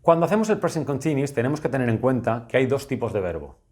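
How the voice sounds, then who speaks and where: Spanish guy teaching english grammar in a video lesson, patient, goes over things twice, mid-pitched voice. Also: expressive, fast, darkish tone. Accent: Spain Spanish. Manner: patient, explanatory, repeats key points.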